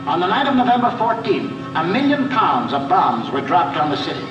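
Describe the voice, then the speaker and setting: A man gives a declamatory, dramatic old-newsreel narration, his voice fairly high and swinging widely in pitch. It is heard as dull, lo-fi archive audio, echoing as if in a large hall and set back from the mic. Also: big pitch swings, brisk, distant mic, loud music behind the voice. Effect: old newsreel sound.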